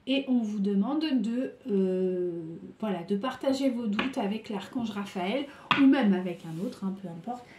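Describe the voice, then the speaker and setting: A woman's voice: mid-range voice, unhurried, hardly any pauses, roomy sound, background noise. A woman giving a tarot reading while sick with a cold and a fever, her nose stuffed up, talking hesitantly with lots of fillers and restarts. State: feverish and tired. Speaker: tarot reader.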